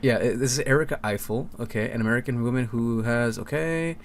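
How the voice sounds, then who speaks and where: A man's voice: mid-range voice, brisk, slight background noise. A young man co-hosting a casual podcast, talking animatedly with frequent laughs and stumbling restarts. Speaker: podcast co-host.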